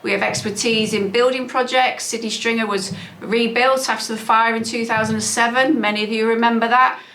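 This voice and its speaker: A fairly high-voiced woman speaks to parents in an earnest, reassuring way, now and then pausing on an "uh" or "um". The room around her echoes. She sounds like a school leader giving a prepared talk. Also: steady tone, a bit bright, slight background noise. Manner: earnest and reassuring, with frequent fillers. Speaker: trust CEO and head teacher.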